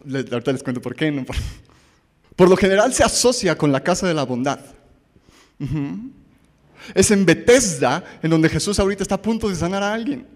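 A man's voice: high-pitched, animated, a little fast, long pauses, in a large hall. A man from Mexico with a Mexican Spanish accent, preaching a casual, joking sermon full of stories and questions to the audience. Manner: storytelling, conversational, asks the audience questions.

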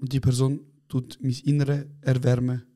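A man's voice: mid-range voice, level tone, moderate pace, dark tone. A man co-hosting a podcast, asking playful, provocative questions in casual chat. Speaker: podcast co-host.

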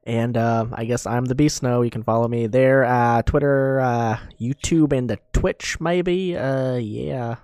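A man's voice: medium pitch, unhurried, hardly any pauses, a little mellow, clean tone, no room sound, studio quality. Laid-back man wrapping up a podcast. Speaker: podcast co-host. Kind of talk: casual chat among friends.

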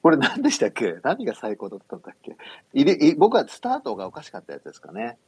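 Quick-talking husky man on a podcast. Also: mid-range voice, huge pitch swings, darkish tone, no echo. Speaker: podcast co-host. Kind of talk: casual podcast chat.

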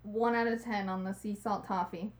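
Woman co-host, casual, leads the segment at a middling pitch. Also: steady tone, moderate pace. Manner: steers the segment, reads out the list. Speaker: podcast co-host. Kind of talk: casual chat. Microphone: podcast mic.

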